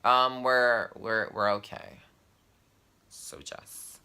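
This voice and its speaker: Young guy vlogger, casual storytime, bright edgy tone, heavy swearing, filler-heavy, mimics others in quotes. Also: medium pitch, fairly even intonation, drawn-out words, smooth. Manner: heavy cursing, constant "like" fillers; mimics friend's voice when quoting.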